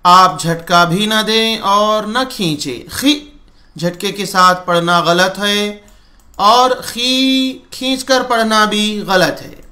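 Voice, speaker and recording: A high-pitched man leads a Quran reading lesson. He speaks very slowly and repeats each letter sound patiently, and his voice is bright and forceful. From India. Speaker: Quran recitation teacher.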